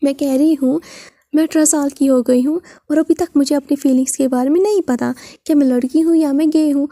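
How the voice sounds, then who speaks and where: A woman's voice: high-pitched, fairly even intonation, mellow, dry recording. A woman doing a shy, hesitant eighteen-year-old girl. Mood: shy pleading. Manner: hesitant, halting, with many pauses.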